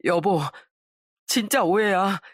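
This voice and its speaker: A woman's voice: medium pitch, slow pace, no room sound, clean studio sound. A woman voicing an evasive cheating husband who makes defensive, pleading excuses in a story drama.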